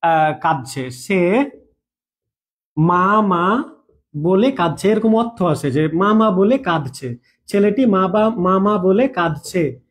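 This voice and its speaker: A man's voice: high-pitched, lively intonation, takes it slowly, pauses often. A man teaching a recorded grammar class in a chatty way, repeating examples and checking in with his students often. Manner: jokes with students mid-lesson. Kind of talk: recorded online lecture.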